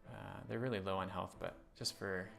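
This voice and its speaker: A man doing casual live-stream game commentary, chatting to viewers, thinking out loud and reading game text aloud. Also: deep voice, steady tone, normal speed, vocal fry, soft background music.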